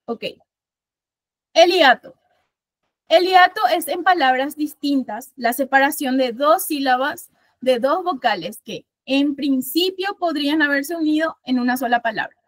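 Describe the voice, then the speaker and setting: A woman teaches an online literature class in a slow, deliberate way, counting out syllables one by one. Her voice sits high and is recorded dry and close, with no room sound. She stops often to correct herself and restart a phrase. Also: no echo. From Paraguay. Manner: explains step by step, counting syllables aloud; frequent self-corrections and fillers.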